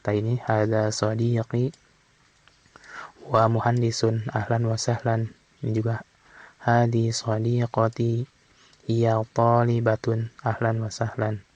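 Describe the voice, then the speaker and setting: A man teaching from an Arabic textbook in a casual way, reading phrases slowly and then explaining them quickly. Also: mid-range voice, completely flat delivery, darkish tone, no echo. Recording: dull, slightly lo-fi sound.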